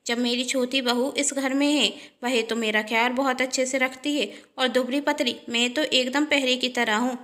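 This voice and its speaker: A woman's voice: high-pitched, fairly even intonation, moderate pace, hardly any pauses, bright, forceful tone. A woman voicing a kind elderly mother-in-law who talks in a fond, reassuring way.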